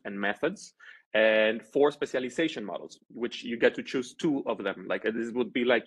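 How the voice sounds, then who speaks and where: A young man from Honduras giving a loose, informal webinar presentation over a video call, full of fillers and restarts. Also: medium pitch. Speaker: marketing coordinator.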